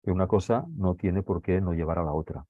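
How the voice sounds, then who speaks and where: A man's voice: low voice, fairly even intonation, fairly quick, no echo, phone-quality sound. A man teaching a class, walking students through a text and checking often whether they follow. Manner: checks understanding with frequent tag questions.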